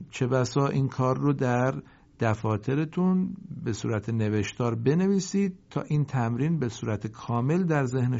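A man teaching Quran recitation, slowly drawing out the syllables of each example, then explaining politely and formally. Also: mid-range voice, darkish tone, lo-fi sound. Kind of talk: recorded lesson.

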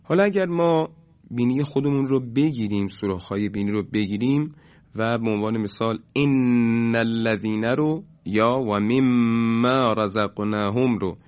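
A man teaching a recorded lesson on Quran recitation, explaining in a measured way with hesitant fillers. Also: medium pitch, darkish tone, clear, resonant tone. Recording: dull lo-fi recording.

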